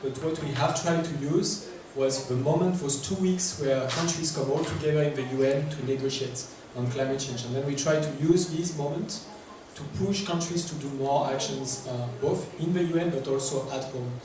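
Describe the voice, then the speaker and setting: A man with a French accent and a high-leaning voice gives a workshop presentation in English at a conference, hesitating, using lots of filler words and asking the audience questions. He talks at normal speed with few pauses. The recording is distant and noisy, with echo from a large conference room.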